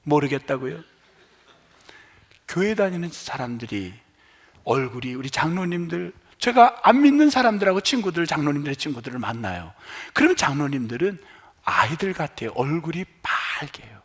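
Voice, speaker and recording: A middle-aged male pastor preaching a sermon, asking his congregation questions and swinging from loud emphatic lines to hushed near-whispers. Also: fairly high pitch, animated, moderate pace. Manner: asks the congregation questions and has them try words aloud.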